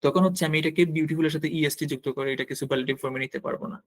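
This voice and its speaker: Bangladeshi man teaching grammar, slightly high voice. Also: steady tone. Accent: Bangladeshi Bengali. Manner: explains step by step, asks and answers his own questions; writes on a board while talking, with pauses and restarts. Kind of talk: online grammar lesson.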